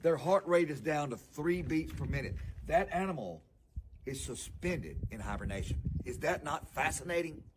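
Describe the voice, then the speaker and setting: A man enthusiastically explaining wildlife, loud and showman-like. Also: on the high side, animated, moderate pace, background noise. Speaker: wildlife guide.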